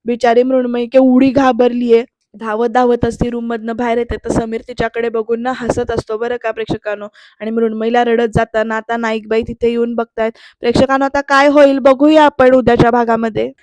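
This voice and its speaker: High-voiced woman chatting through an episode recap. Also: little pitch movement, a little fast, a little mellow, dry recording. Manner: chatty, keeps addressing viewers directly. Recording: dull, lo-fi, dry sound.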